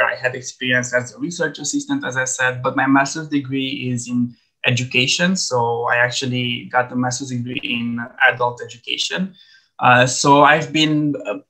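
Bright-voiced man leading a webinar. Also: medium pitch, rough recording. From Romania. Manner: friendly, relaxed presenter with frequent "uh" fillers. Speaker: edtech trainer. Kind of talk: online training webinar. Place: home office, video call.

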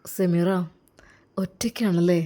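A woman voicing a gentle widowed teacher. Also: lowish voice, fairly even intonation, takes it slowly. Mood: tender. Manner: soft, coaxing, reassuring. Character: gentle widowed male religious teacher, tender and reassuring. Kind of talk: audio story drama.

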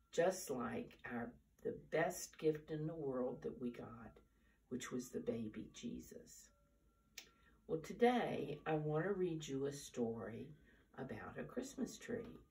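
An American woman in her seventies or older, with a low voice, leads storytime for preschoolers, talking and reading picture books. She speaks very slowly and simply, like a teacher, asking the children questions with lively rises and falls in her voice. A camera a few steps away records her indoors in a living room at home.

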